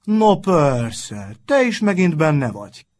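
A man reading aloud and voicing a sneering, mocking older schoolboy prefect in a raised, loud voice. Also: mid-range voice, animated, husky.

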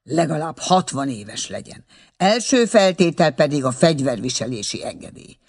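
A man reading an audiobook and voicing a sharp-tongued, proud young woman who scolds indignantly. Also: on the high side, very animated. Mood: tart.

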